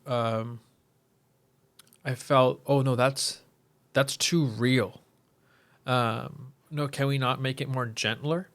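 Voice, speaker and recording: A man's voice: mid-range voice, a bit bright, clean tone. A man hosting a podcast interview, reflecting on the episode and asking questions. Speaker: podcast host. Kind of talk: interview conversation.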